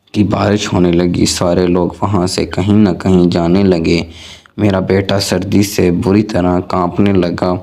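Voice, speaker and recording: A man narrating a scripted first-person moral story in a slow, steady, solemn reading. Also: low voice, gravelly.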